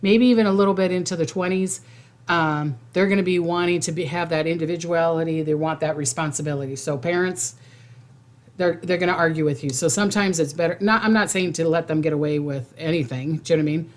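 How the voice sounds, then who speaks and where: A woman speaks in a slightly low-pitched voice, chatting to her viewers as the host of a casual livestream. Her delivery is informal and rambling, and she repeats phrases to drive them home. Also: fast. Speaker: psychic host giving monthly predictions.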